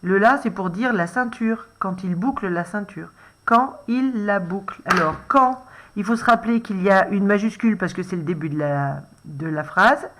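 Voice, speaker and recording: A French woman teaching a first-grade class, gently dictating a sentence and explaining each letter. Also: medium pitch. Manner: gentle, explains letter by letter, reminds to pause the video. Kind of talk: slow, patient dictation lesson for young children.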